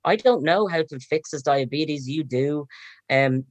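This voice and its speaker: A young man recounting events in casual chat, calm and measured as he retells a conversation. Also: a little high, dry recording. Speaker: guest.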